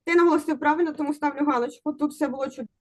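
Woman teacher, high voice, encouraging, online exam-prep lesson, video call. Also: very fast, darkish tone. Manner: encouraging, coaxing students to answer.

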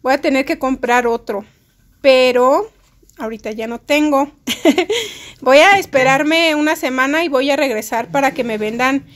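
A woman's voice: high-pitched, unhurried, roomy sound. Chatty Mexican woman vlogging. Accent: Mexican Spanish. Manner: chatty, talks straight to her viewers. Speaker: vlogger and homemaker. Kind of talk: casual chat to camera. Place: home kitchen indoors, later outdoors at a park.

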